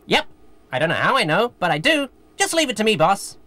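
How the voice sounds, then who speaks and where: An actress playing an eager, cheeky young apprentice in scripted promotional dialogue. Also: female voice, medium pitch, sing-song, a little fast, pushed and bright, no echo. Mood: chirpy. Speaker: apprentice character in a promo video.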